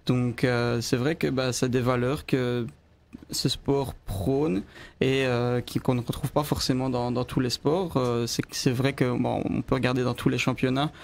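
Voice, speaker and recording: A man's voice: medium pitch, fairly even intonation, a little slow, gravelly. A man speaking as a guest on a radio show, explaining his views with many hesitations and restarts. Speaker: studio guest. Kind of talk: radio discussion.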